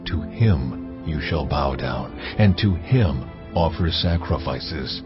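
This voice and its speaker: God, very slow and deep. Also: male voice, animated, full character voice. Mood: solemn command. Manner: stern, solemn, deliberate. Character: God, solemn commanding male divine voice. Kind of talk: dramatised scripture reading. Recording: dull audio, music underneath.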